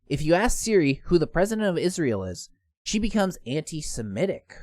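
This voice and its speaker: Animated man hosting news commentary. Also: on the high side, a little fast, no echo, clean studio sound. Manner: casual, animated, reads posts aloud with stumbles. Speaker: host.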